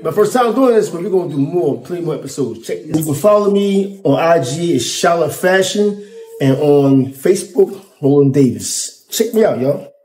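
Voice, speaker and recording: A man's voice: on the high side, lively intonation, normal speed, a little mellow, poor audio. A man in his forties giving a casual cooking demonstration in a home kitchen, chatty and explaining each step, on a lapel mic. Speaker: guest cook.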